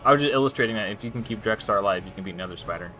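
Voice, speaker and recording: Man, game streamer, live gameplay commentary, rambling, self-correcting, lowish voice, bright tense tone. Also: racing, faint music behind. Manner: casual and rambling, with frequent restarts and self-corrections.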